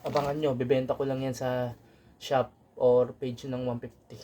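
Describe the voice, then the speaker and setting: A woman's voice: very deep voice, level tone, normal speed, mellow, a little hiss or hum. A woman with a Filipino accent, chatting playfully to her viewers while sorting secondhand shirts. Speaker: thrift clothing seller. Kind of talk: casual unboxing chat.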